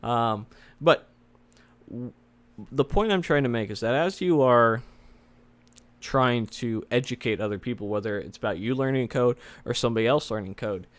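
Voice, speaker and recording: Male vlog host, medium pitch, casual rambling explainer, light slur from wearing retainers. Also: normal speed. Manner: slightly slurred speech from wearing retainers. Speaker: host, software developer giving career advice.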